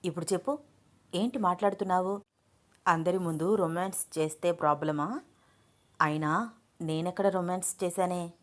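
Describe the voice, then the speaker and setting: A woman's voice: fairly low pitch, steady tone, normal speed, pauses often, close to an everyday voice. A woman reading a romance story aloud, voicing a playful young husband who teases his new wife affectionately. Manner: teasing, affectionate.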